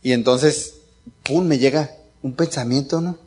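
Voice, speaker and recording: A man's voice: medium pitch, unhurried, a little mellow. A middle-aged man with a Mexican accent telling a casual family anecdote, joking and chuckling as he goes. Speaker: father telling a story.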